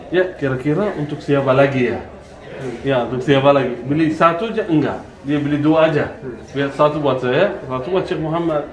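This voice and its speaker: A man's voice: on the high side, a little mellow. A man hosting a casual chat who often answers with short pious interjections. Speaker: host. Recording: echoey room.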